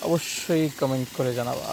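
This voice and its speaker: In a casual walking vlog, a young village vlogger with a Khulna Bengali accent strolls outdoors past fields and a pond, chatting and coaxing the animals. His mid-range voice is gravelly, steady in tone and brisk, with noise in the background.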